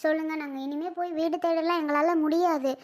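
A desperate, poor tenant woman, acted by a woman with a very high voice. She pleads and begs in a tearful way, holding onto every word of the plea. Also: fairly even intonation, fairly quick, lightly acted. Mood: pleading. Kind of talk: village family skit.

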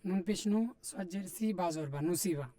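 A man's voice: high voice, a little fast, mellow. A man teaching Quran reading, patiently spelling out Arabic letters and vowel marks, with a Bangladeshi Bengali accent. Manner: patient, repetitive, addresses viewers directly. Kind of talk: spelling drill lesson, letter by letter.

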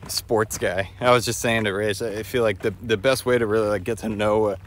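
A travel vlogger in his thirties walks a countryside footpath, chatting casually and reflectively to a phone held at arm's length. His voice is lowish, with fairly even intonation and a fairly quick pace. Slight background noise can be heard.

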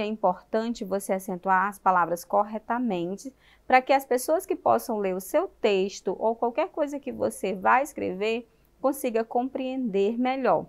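A woman with a Brazilian Portuguese accent teaching a televised primary school lesson, asking the children questions and sounding out words slowly, syllable by syllable. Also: a little high.

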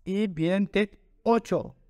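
A man from Turkey with a Turkish accent, answering viewers' questions in halting learner's Spanish, repeating hard words. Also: high-pitched, a little mellow, no room sound. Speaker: vlogger. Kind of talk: Q&A vlog, reading fan questions.

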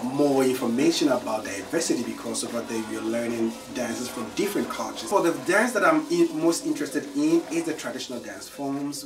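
Young ghanaian man, dance teacher, roomy far-off mic, music behind. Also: medium pitch. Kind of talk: interview.

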